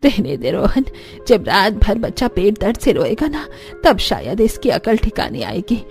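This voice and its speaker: A woman's voice: mid-range voice, very animated, unhurried, a little mellow, soft background music. A woman voicing a devout older mother-in-law in a cartoon, indignant and scolding. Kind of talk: animated cartoon voice acting.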